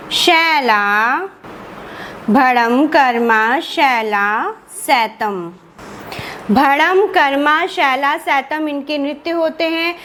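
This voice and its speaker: A woman with an Indian Hindi accent teaches an exam-prep lesson at an unhurried, deliberate pace. Her voice sits high, and she poses questions aloud, then answers them by repeating the key words. The delivery is patient and drill-like, built for note-taking. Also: fairly bright tone, slight background noise. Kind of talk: classroom lecture with repetition and revision.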